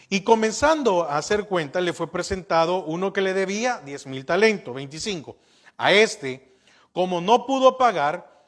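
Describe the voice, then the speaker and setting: Slow, high-voiced male pastor preaching. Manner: slow, deliberate, repeating verses and punctuating with amen. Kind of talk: sermon with scripture reading.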